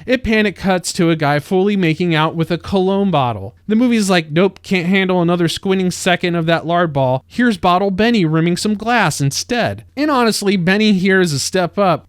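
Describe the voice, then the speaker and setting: A man narrating a mocking, scripted comedy breakdown of a film scene. His voice is smooth and a touch high, and it is recorded dry and close in a studio. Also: dry recording. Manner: sardonic, mocking.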